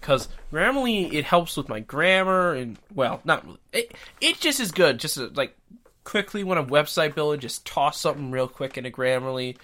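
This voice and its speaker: A sixteen-year-old boy co-hosting a casual homemade podcast, joking, playful and quick to interrupt. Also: on the high side, big pitch swings, bright, forceful tone. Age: teens. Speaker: podcast co-host. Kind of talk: casual chat.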